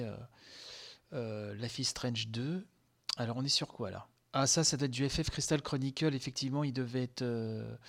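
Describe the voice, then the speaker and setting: A man hosting a podcast, reacting live to a game conference, excitable and gushing, with many fillers and sighs, tired from sleepless nights. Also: medium pitch. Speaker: podcast host.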